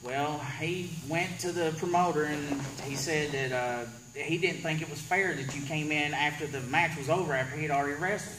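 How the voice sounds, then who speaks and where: Casting: male host for wrestling promo segments, notably high voice, announcing and interviewing in an echoey room. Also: moderate pace, few pauses, a bit bright. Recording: echoey room with faint background noise.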